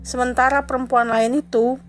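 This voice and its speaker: High-voiced woman reproaching her husband. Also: little pitch movement, normal speed, soft background music. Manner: reproachful, indignant, accusing; insistent repetition. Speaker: wife confronting her husband. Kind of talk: emotional dramatic monologue.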